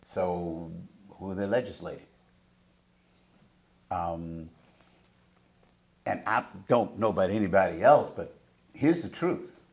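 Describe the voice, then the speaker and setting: Deep-voiced and slow, leaving long pauses between thoughts, a man from the Southern US speaks on a panel. His delivery swells in emphatic, preacher-like build-ups, and the conference room where he's recorded is echoey.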